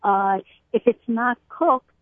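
A middle-aged woman from Brooklyn, a cookbook author explaining food customs at length with many pauses and fillers, calling in to a radio interview. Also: on the high side, dry recording. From Brooklyn, USA. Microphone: telephone. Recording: tinny phone line, dry.

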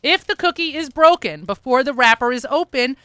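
A woman's voice: high-pitched, expressive, a little fast, bright, forceful tone, clear, resonant tone, dry recording. A woman hosting her weekly radio show in a studio, chatting in an upbeat, self-deprecating way while sounding worn out after an early start. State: tired. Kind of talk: casual radio chat. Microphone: studio microphone.

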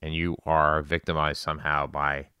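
A man delivering an earnest monologue on current events in deliberate, halting phrases with emphatic repetition. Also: a bass voice, level tone, bright, forceful tone, clear, resonant tone, no room sound, highs cut off. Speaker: spin class instructor.

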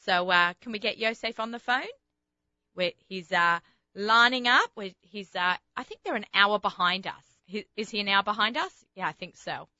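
Hosting a casual radio chat, this woman speaks with a slightly Americanized Australian accent, rambling and filling her talk with fillers. Her mid-range voice moves at a moderate pace and sounds pushed and bright, with no echo but dull audio.

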